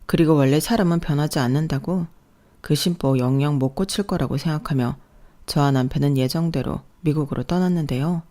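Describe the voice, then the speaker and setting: A woman reads a first-person radio story, calm and confiding. Her voice sits low and mellow, steady throughout the telling. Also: a little fast. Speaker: story narrator.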